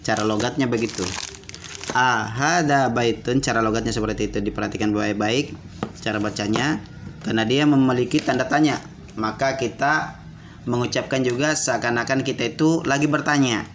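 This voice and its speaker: A man teaching basic Arabic to children, repeating words slowly and checking that they understood. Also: medium pitch, steady tone. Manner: repeats words slowly and asks questions back. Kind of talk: classroom lesson for children. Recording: dull lo-fi audio with faint room noise.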